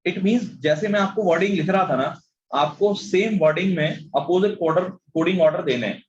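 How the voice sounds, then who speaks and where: A man's voice: high-pitched, brisk, highs cut off, a little hiss or hum. A man teaching an online reasoning class, spelling out letters one by one and scolding students who make mistakes. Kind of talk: online class teaching, mixing Hindi and English.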